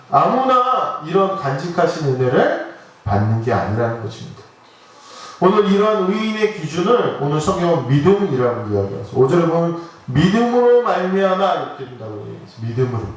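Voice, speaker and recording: A man in his thirties delivers a Sunday sermon with a high, lively voice that rises and falls as he asks the congregation questions. The sound carries a heavy church echo, picked up from some distance away from the microphone. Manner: animated preaching with rhetorical questions and personal stories. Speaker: pastor. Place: church sanctuary.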